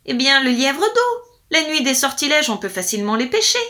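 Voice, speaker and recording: A woman voicing a talkative, credulous peasant wife in a storybook reading, high and excited. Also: fairly quick, full character voice. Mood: eager, chatty.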